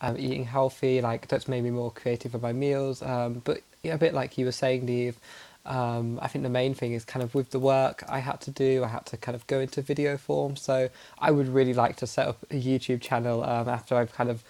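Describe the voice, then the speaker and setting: A man's voice: mid-range voice, flat delivery, brisk, dark tone. Upbeat young man laughing often. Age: young adult. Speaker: student podcast guest. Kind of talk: casual chat.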